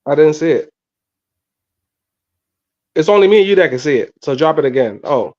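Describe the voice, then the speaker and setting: Chatting casually about college football, a man hosts a live sports fan stream over the phone, full of slang and repeated words as he stumbles. His voice is on the high side, animated and darkish, at a normal speed. The sound is dull, muffled phone audio.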